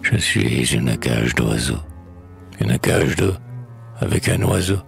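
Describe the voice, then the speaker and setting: A man voicing a solemn, theatrical male poetry reciter with a gravelly, drawn-out delivery. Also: rumbling low, animated, soft background music, pitched below the performer's own voice, exaggerated voice.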